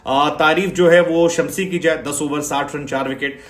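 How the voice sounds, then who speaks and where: A man's voice: on the high side, fairly even intonation, moderate pace, a bit bright, echoey room. A man giving a chatty, sarcastic cricket match analysis, dropping English phrases into his talk.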